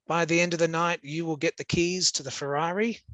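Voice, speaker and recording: A man's voice: a little high, fairly even intonation, fairly quick, a bit bright, no room sound. An Australian man teaching an interactive class, upbeat and joking as he hands out quiz points to encourage his students.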